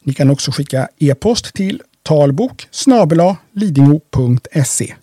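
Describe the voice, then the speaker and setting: A man reading library audiobook tips from a script in a measured, steady way. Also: fairly high pitch, no room sound, clean studio sound.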